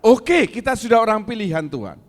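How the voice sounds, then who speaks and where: A man's voice: sits high, very animated, a little fast, big-room sound, faint music behind. A man preaching a sermon as pastor, asking the congregation questions and acting out angry insults in a raised voice. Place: church hall.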